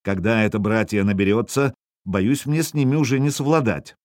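A man reading a first-person audiobook in a wry, expressive way, voicing the dialogue as he goes. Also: on the low side, a little fast, dry recording, studio quality. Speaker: audiobook narrator.

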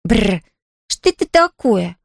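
A woman's voice: high-pitched, expressive, brisk, no room sound, clean studio sound, voice pushed up. A woman voicing a teasing older sister who sneers and scolds, in a storybook reading. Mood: annoyed.

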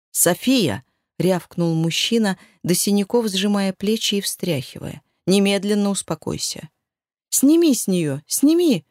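A woman's voice: mid-range voice, a little mellow, dry recording, studio quality. A woman narrating a first-person novel as an audiobook, reading expressively and with emotion.

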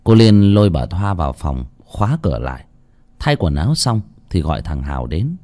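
A man narrating a horror story in a dramatic, expressive way. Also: low voice, brisk.

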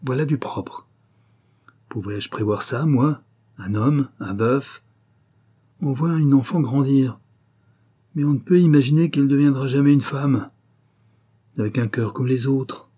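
A man voicing a stern, angry older father who shouts in outrage, with a hoarse low edge. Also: unhurried, pauses often. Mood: dismayed. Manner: loud, harsh, outraged.

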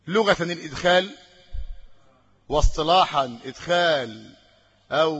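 A man with an Egyptian Arabic accent teaching an Arabic grammar lesson, quizzing his students and stretching out key words slowly for emphasis. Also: fairly high pitch, fairly bright tone, breathy edge, lo-fi sound. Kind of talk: classroom lesson with questions to students.

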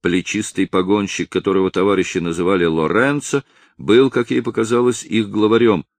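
A man narrating a historical novel in a steady, measured reading. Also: lowish voice, no room sound. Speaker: audiobook narrator. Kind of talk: scripted narration.

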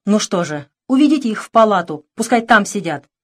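Lady reading as a young doctor barking orders, tense and loud. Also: mid-range voice, lively intonation, brisk, natural voice. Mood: urgent pleading. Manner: urgent, commanding. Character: young male country doctor, tense and commanding.

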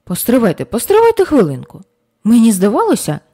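Female narrator voicing an eager, doubtful young man; earnest questions, fairly high voice. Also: wildly swooping pitch, fairly quick, mellow, breathy edge, exaggerated voice. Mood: questioning. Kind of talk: audiobook character reading.

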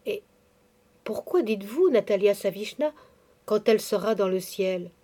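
A woman's voice: medium pitch, very animated, normal speed, mellow. A woman reading the part of an earnest ten-year-old boy, asking questions in a reproachful way.

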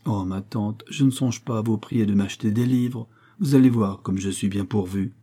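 A man reading aloud voices a timid, polite, bookish young woman who speaks gently and pleads with her aunt. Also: fairly low pitch, normal speed, slightly rough.

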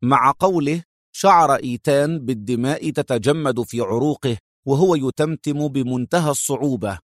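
A man narrating a spy thriller as an audiobook in an even, dramatic storytelling manner. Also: mid-range voice, moderate pace, no room sound, clean studio sound.

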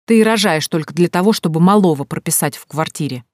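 A woman's voice: fast talker, darkish tone, no room sound, clean studio sound, natural voice. Woman reading a snide spiteful sister-in-law. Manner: snide, shrill.

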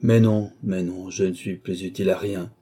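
A man's voice: sits low, steady tone, normal speed, dark tone, slightly rough. A man voicing a grieving, hot-tempered young nobleman in an audiobook, with agitated, broken outbursts. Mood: distraught.

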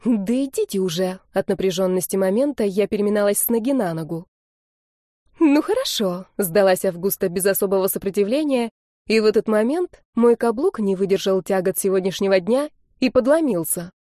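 Mellow-voiced woman narrating an audiobook. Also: medium pitch, lively intonation, brisk, no echo, clean studio sound. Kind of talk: first-person scripted narration.

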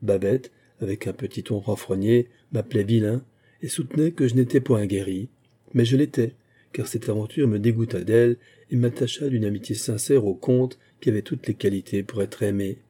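Male narrator, memoir audiobook, measured delivery, husky and very dark tone. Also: lowish voice. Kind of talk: literary audiobook reading, first-person memoir.

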